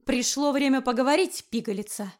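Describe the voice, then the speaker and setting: A woman voicing a hot-tempered knight in his prime, loud, barking and harsh, audiobook. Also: sits high, brisk, lightly acted. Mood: hissing menace. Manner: shouting, harsh, threatening. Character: furious young male knight commander.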